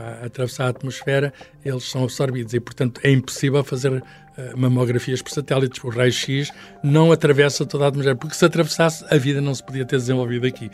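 An older man with a European Portuguese accent, a science professor explaining things in casual chat, hesitant with many restarts and fillers. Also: mid-range voice.

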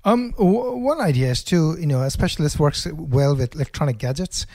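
A man's voice: fairly high pitch, animated, brisk, dark tone, dry recording. A man co-hosting a podcast, talking casually and with easygoing good humour. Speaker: podcast co-host. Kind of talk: casual conversational money tips.

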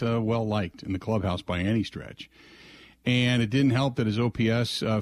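A man's voice: mid-range voice, dry recording. An American man hosting sports talk radio, chatting casually in a folksy, conversational way and slipping into sponsor plugs. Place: dry radio studio. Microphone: close broadcast mic.

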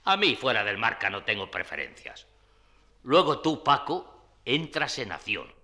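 An actor with a Spanish accent playing a bossy, exasperated small-time gang leader in a comedy, commanding and irritable. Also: male voice, mid-range voice, sing-song, unhurried, bright, forceful tone. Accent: Spain.

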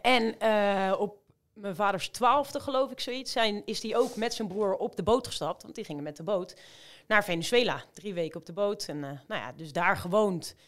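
Guest: woman, mid-pitched, chatty storyteller with lots of hesitations. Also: moderate pace. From Rotterdam, Netherlands. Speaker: guest, amateur marathon runner. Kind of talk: casual interview storytelling.

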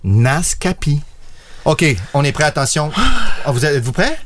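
A man with a Québécois French accent co-hosting a podcast, bantering and joking, sometimes putting on high silly voices for gags. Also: normal speed. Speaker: podcast co-host. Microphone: studio microphone.

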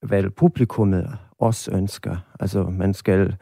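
Mellow low German man, measured. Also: steady tone, vocal fry, slightly rough, no echo, studio quality. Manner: measured, frequent fillers. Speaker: guest, conductor. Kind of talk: casual interview chat.

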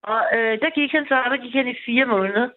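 A woman in her fifties telling a long personal story on a call-in radio show, rambling, with many restarts and fillers. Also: a little high. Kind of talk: casual phone-in storytelling. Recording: tinny phone line, dry.

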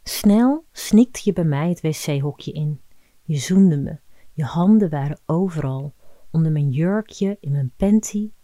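A woman reading a story aloud as a podcast narrator, calm, even and intimate. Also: sits low, unhurried, no room sound.

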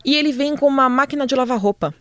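A woman's voice: sits high, fast talker, a bit bright, dry recording. Chatty Brazilian woman interviewer, dry sound. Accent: Brazilian Portuguese. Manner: chatty, asks long winding questions. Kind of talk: conversational interview.

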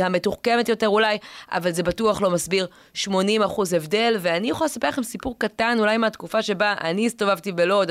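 Clear-voiced Israeli woman hosting current affairs. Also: fairly low pitch, dry recording, studio quality. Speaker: podcast host and journalist. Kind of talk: conversational current-affairs discussion and storytelling.

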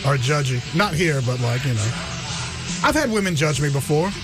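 Higher-voiced young man chatting over music. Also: animated, normal speed. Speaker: radio show co-host. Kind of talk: casual chat.

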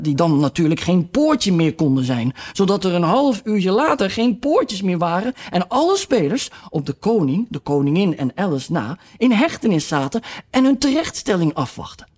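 Audiobook narrator, husky voice, lively pitch movement. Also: moderate pace. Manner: expressive storytelling. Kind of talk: audiobook reading.

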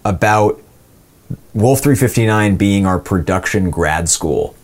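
A young man with a lowish voice, an audio drama actor and co-producer, answers interview questions slowly. His replies are casual and rambling, full of fillers and restarts.

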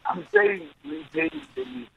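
A man's voice: extremely high pitch, expressive, brisk, gravelly, no echo. A man calling in to a talk radio show, sounding faint and distant because his phone is held away from his mouth. He repeats himself and is hard to make out. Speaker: radio caller. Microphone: phone held away from the face. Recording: tinny phone line, far off, noisy.

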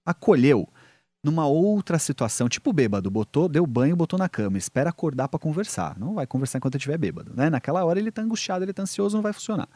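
Brief: fast, lively man giving advice, dry close mic, acts out parent-child exchanges. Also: on the high side, no echo. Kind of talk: conversational advice talk.

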